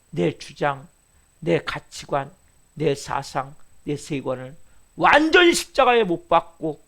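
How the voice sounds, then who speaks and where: A male pastor preaching a sermon, asking the congregation questions and swinging from loud, stretched phrases to hushed asides. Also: a little high, gravelly. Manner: fervent preaching with sudden loud rises and hushed drops.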